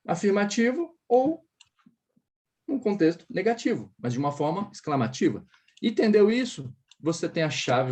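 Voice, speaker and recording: A slightly high, mellow voice with a breathy edge belongs to a Brazilian-accented French teacher in a casual private lesson. He explains things patiently, has his student repeat the sounds he models, and often checks that she follows.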